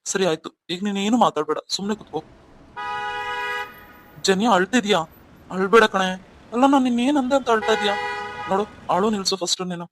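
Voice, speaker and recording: A man's voice: sits high, rapid-fire, background noise, close to an everyday voice. A man voicing a remorseful young husband in a cartoon story, coaxing and pleading with his wife.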